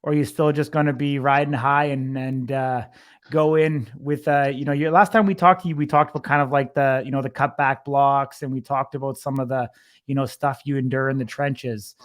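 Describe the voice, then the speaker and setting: A man's voice: medium pitch, fairly even intonation, normal speed. A man working as an interviewer, asking long, rambling questions in a conversational sports interview style.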